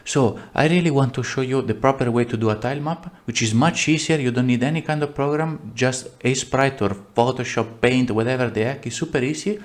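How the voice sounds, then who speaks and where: A man with an Italian accent giving a casual software tutorial, rambling and blunt, with many fillers and self-mocking asides. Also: mid-range voice, a little fast, hardly any pauses. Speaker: tutorial maker. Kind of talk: casual screen-recorded tutorial.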